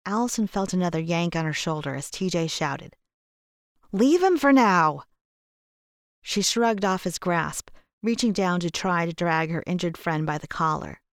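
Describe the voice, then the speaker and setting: A woman narrating a story in a steady, even reading voice. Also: on the low side, normal speed, hardly any pauses, clean tone, dry recording, studio quality. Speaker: audiobook narrator. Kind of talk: scripted narration.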